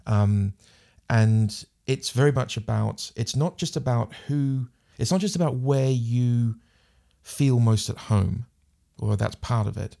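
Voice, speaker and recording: This podcast guest, a New Zealand man, speaks a little slowly in a medium-pitched voice marked by vocal fry and a warm tone. The conversation is a casual interview, and he's thoughtful, often restarting and repeating himself.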